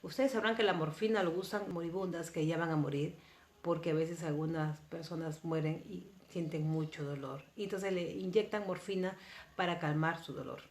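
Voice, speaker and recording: A woman from Peru, telling a personal story to camera in an earnest, emotional way, her volume swinging between soft and intense. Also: lowish voice, fairly even intonation, moderate pace. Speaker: vlogger. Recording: roomy echoing room.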